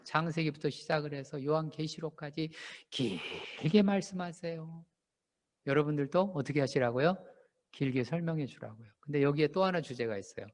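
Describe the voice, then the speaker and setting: Man, pastor, animated sermon delivery, quizzes the congregation, wide swooping pitch, church hall reverb. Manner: animated, asks the congregation questions and acts out shouted lines. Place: church sanctuary.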